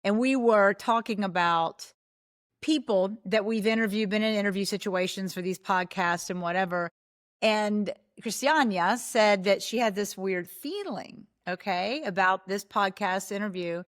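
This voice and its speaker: In a mid-range voice at a measured pace, a podcast host and coach conducts a casual video-call interview, enthusiastically drawing her guest out with questions.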